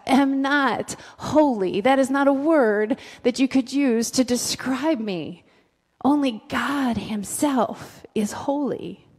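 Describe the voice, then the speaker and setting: Middle-aged woman preacher, talks with the congregation, slightly high voice, reverberant sanctuary. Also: darkish tone. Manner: conversational, asks the congregation questions. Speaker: pastor. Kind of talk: sermon. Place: church sanctuary with a stage. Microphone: handheld mic, filmed from the back of the room. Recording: long reverb of a church hall.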